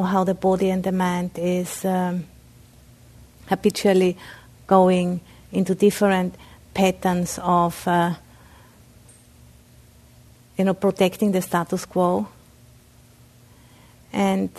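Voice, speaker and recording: A Buddhist nun from Austria, with an Austrian German accent, gives a dharma talk at a meditation center in a lowish, warm voice with vocal fry. Her speech is halting, with many fillers and restarts.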